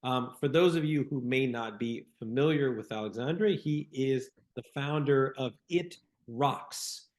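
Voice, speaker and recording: A man's voice: medium pitch, a little slow, hardly any pauses, a little mellow. A man opening a business webinar with a polished, welcoming introduction of the guest. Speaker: webinar host. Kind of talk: formal introduction.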